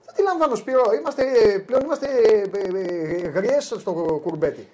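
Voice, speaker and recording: A man's voice: high voice, animated, a little mellow. A man hosting a casual sports talk show, teasing and playful in banter.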